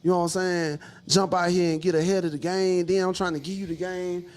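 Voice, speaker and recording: A man telling a story in casual talk, profane and animated, repeating "you know what I'm saying". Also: high voice, a little fast, clear, resonant tone. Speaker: storyteller guest.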